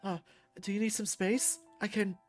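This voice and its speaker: A woman voicing a gentle, caring male therapist, speaking softly and earnestly over faint music. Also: mid-range voice, level tone, close to an everyday voice. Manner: soft, soothing, slow and earnest.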